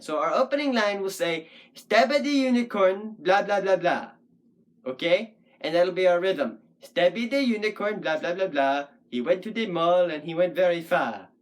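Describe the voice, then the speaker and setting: A performer voicing a shaggy, goofy talking wolf puppet who hosts the show, rambling and thinking out loud in a casual puppet vlog. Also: medium pitch.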